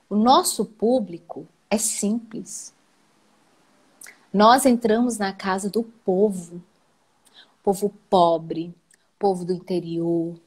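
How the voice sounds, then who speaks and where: A woman with a Brazilian Portuguese accent telling her own story as an interview guest. She speaks in an animated way, often adds "né?" and leaps up in pitch. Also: breathy edge. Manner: animated, with frequent "né?" tags and sudden jumps up in pitch. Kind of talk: emotional personal storytelling in a live interview.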